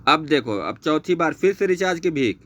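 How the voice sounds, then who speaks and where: This channel host's voice is fairly high, expressive, and fairly bright, at a moderate pace, captured with lo-fi sound. Sharing his screen, he furiously exposes a former associate, cursing nonstop and going over the same points again and again.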